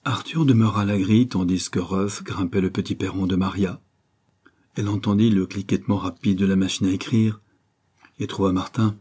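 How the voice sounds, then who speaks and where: A man narrating a novel in a measured, steady storytelling manner. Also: deep voice, breathy edge. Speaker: audiobook narrator.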